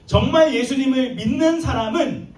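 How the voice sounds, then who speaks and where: Lively male youth preacher in an echoey hall. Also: extremely high pitch, moderate pace. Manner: lively, plays out dialogue with comic asides. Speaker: youth pastor. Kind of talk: sermon. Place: church hall. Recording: echoey hall, mic at a distance.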